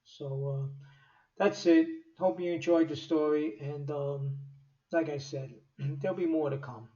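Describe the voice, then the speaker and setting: A man's voice: a little high, fairly even intonation, unhurried, dark tone. A man tells a story in a loose, rambling way, swearing often and stopping to restart his sentences. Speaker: storyteller vlogger. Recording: echoey, distant, dull home recording.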